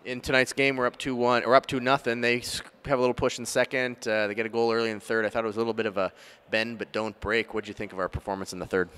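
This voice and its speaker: Indoors at an arena, in front of a sponsor backdrop, a middle-aged male sports reporter holds a handheld mic and puts postgame questions to someone. His medium-pitched voice is smooth and a bit bright, delivered flatly and fast.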